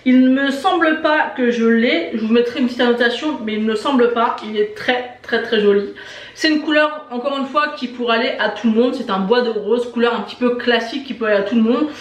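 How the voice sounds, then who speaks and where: Brief: enthusiastic female beauty vlogger, slightly high voice, echoey room, chatty unboxing tone. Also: fairly quick, recorded from a distance. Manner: chatty, enthusiastic, many fillers and repeated "très très". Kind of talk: casual unboxing review. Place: indoor room with shelves of lipsticks behind.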